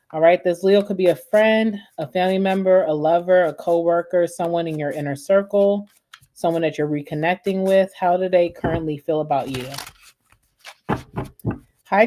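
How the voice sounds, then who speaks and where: A woman's voice: fairly low pitch, normal speed, dark tone. Chatty woman giving a tarot reading. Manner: chatty, addresses viewers as guys and y'all. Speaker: tarot reader. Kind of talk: casual tarot reading to viewers.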